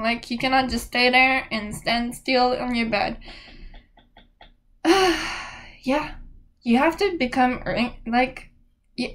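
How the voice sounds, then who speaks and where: A woman's voice: fairly high pitch, a bit bright, slight background noise. A young woman giving a candid, emphatic motivational talk to camera, often checking in with "okay?". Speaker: self-help vlogger.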